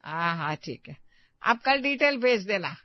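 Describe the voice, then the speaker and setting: A woman voicing a bossy, scheming middle-aged mother-in-law who talks loudly and commands. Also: mid-range voice, moderate pace, dry recording, highs cut off, lightly acted. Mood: loud phone act. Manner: loud, commanding, scolding.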